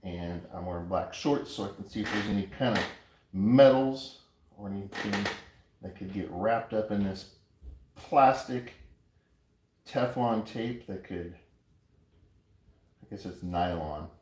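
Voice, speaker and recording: A man casually narrating his coin ring making as he works, chatty and relaxed, with playful sound words. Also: on the low side, unhurried, pauses often. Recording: echoey room with clear background noise.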